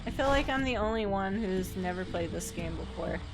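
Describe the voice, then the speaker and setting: Over game music in a low-quality recording, a woman with a medium-pitched, animated voice talks briskly as she live streams a game. She keeps things casual and playful, cute and bubbly like an anime streamer, slipping into sing-song repeats now and then.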